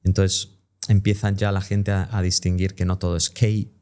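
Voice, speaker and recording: A man's voice: deep voice, little pitch movement, moderate pace, darkish tone. A man, an English teacher and interview guest, who explains pronunciation and demonstrates English sounds as he talks.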